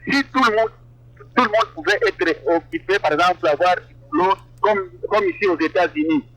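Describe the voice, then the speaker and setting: A man's voice: a little fast, dry recording, low-quality recording. A man from eastern Congo giving an interview, speaking emphatically and repeating words as he argues. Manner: emphatic, repeats words, animated pitch jumps. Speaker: interview guest. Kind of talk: political interview, casual.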